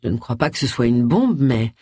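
A reader voicing a calm, firm male police detective in an audiobook. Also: medium pitch, brisk, breathy edge, no room sound, clean studio sound, voice pushed down.

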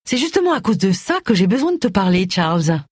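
A woman's voice: medium pitch, very animated, brisk, a little mellow, husky, dry recording, studio quality, pitched above the performer's own voice. A woman reading a determined sleuth.

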